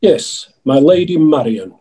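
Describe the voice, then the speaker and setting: A man playing an earnest, genial out-of-work outlaw in a pantomime sketch, with a husky voice. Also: a little high, expressive, measured pace, dark tone. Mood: matter-of-fact.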